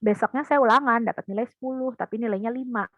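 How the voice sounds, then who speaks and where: A woman's voice: on the high side, fast, no room sound, poor audio. A woman giving a parenting talk in an online seminar, telling stories with energy and speaking straight to the parents. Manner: lively storytelling, addressing parents directly.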